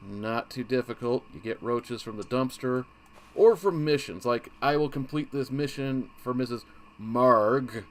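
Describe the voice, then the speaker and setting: A man's voice: mid-range voice, measured pace, a little hiss or hum. A man hosting a casual game walkthrough, rambling and easily sidetracked, often breaking off mid-thought. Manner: rambling, easily distracted, self-interrupting. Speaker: gaming channel host.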